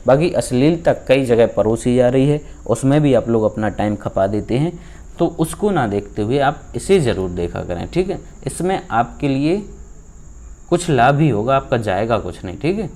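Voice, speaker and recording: A man's voice: mid-range voice, lively intonation, moderate pace, mellow. A man teaching an exam practice set, asking rhetorical questions and checking in with "theek hai" after each point. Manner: exhorting, lecturing viewers.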